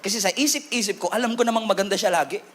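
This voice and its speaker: High-voiced, animated Filipino preacher. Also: male voice, rapid-fire, slight background noise. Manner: animated, humorous preaching with Taglish code-switching; calls out for congregation responses. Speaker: pastor. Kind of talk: sermon.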